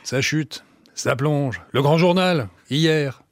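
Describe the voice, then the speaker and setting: A man's voice: a little high, slow, dry recording. A man delivering a comic radio chronicle in a theatrical, mock-solemn way. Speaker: radio comedy columnist.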